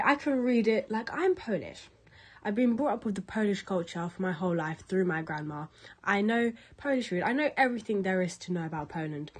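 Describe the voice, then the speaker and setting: A young woman, talking candidly in a casual interview. She rants a little and swears freely. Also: mid-range voice.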